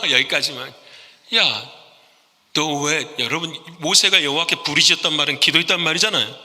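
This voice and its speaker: A high, very bright male voice preaching with lively, swooping pitch. He works through a sermon by asking the congregation questions and answering them. His voice rings through a church sanctuary with a long reverb tail. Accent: Korean. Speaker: pastor.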